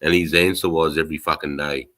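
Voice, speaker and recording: A man's voice: extremely low pitch, steady tone, fast talker, pushed and bright. An Australian man hosting a casual livestream, chatting in a blokey, slangy way with plenty of swearing. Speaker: livestream host.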